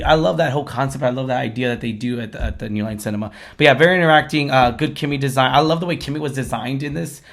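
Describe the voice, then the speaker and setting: Male review-show host, hoarse and strained from a lost voice, rapid, effusive, chatty. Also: mid-range voice. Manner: effusive, repeats himself. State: hoarse, lost his voice after singing at a concert. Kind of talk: casual film review chat.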